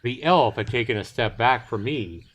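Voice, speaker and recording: An expressive, slightly bright mid-range voice belongs to a middle-aged game streamer who narrates a visual novel at a moderate pace, blending the text with his commentary. It's a casual livestream recorded on a voice chat mic.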